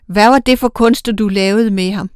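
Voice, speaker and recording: A woman's voice: mid-range voice, steady tone, clear, resonant tone, no echo, clean studio sound, close to an everyday voice. A woman voicing a senior female angel who is stern, irritable and bossy, speaking sharply and curtly. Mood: scolding. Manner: sharp, commanding, clipped.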